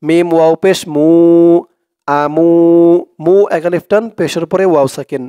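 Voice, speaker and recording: A man with a Bangladeshi accent teaches Arabic prayers. He spells out the syllables quickly, then chants the whole words slowly. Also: a little high, fairly even intonation, mellow, no echo, studio quality. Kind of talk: spelled-out recitation lesson.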